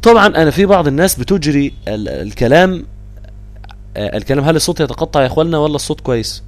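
A man with an Egyptian Arabic accent giving an online Quran recitation lesson, explaining patiently and repeating words slowly for his students. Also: fairly high pitch, lively intonation.

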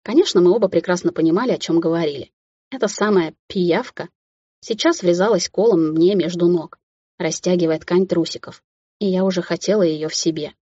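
Style: romance audiobook narration. Sex: woman. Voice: low, husky. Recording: slightly dull. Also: brisk, warm tone, no room sound.

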